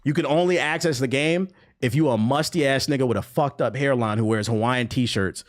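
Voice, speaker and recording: A man's voice: medium pitch, brisk, faint music behind. A young man riffing casually on gaming news during a live stream, mocking and profane, with bursts of laughter between comments. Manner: animated, profane, mocking banter.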